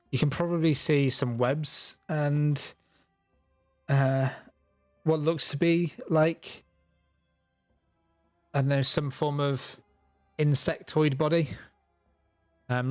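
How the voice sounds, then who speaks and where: A man's voice: fairly high pitch, fairly even intonation, slow pace, long pauses, dry recording, faint music behind. A man narrating and ruling as game master in a casual tabletop session, loose and swearing freely. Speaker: dungeon master.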